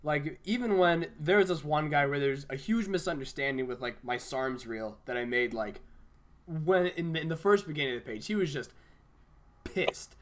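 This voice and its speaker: A man's voice: a little high, expressive, moderate pace. A man hosting a casual podcast chat, laid-back and swearing freely, with plenty of "like" in his speech. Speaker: podcast host.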